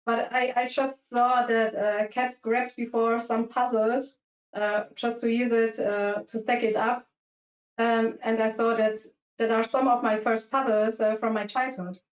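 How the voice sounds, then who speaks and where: A woman from Switzerland, a guest speed puzzler, chatting shyly and halting with giggles on a video call. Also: fairly high pitch, level tone, echoey room, lo-fi sound. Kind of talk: casual video call chat.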